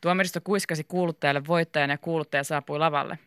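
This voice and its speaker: A woman reading a children's story aloud in a lively, animated way. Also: deep voice, clear, resonant tone, dry recording, studio quality.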